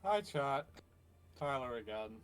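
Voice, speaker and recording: A man playing in a tabletop game stream, joking in a slow, dry way. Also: mid-range voice, big pitch swings, clean tone, faint music behind. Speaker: player. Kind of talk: casual chat during a game stream.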